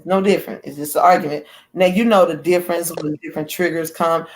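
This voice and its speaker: A woman in a casual chat as a guest, outspoken and animated, often restarting her sentences. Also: fairly low pitch, fast, a little hiss or hum.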